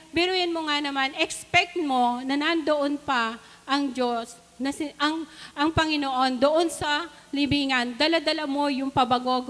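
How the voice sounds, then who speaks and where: A woman's voice: high voice, fairly bright tone. A woman with a Filipino accent preaching a sermon, reading scripture aloud and asking the congregation questions. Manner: mixes Tagalog and English, reads scripture aloud, asks the congregation questions. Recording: long hall reverb.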